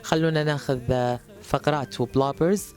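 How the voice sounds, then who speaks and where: A man's voice: a little high, fairly even intonation, brisk, a little mellow. A man hosts a casual behind-the-scenes chat. He talks in a playful, teasing way. Light music plays faintly behind him. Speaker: host.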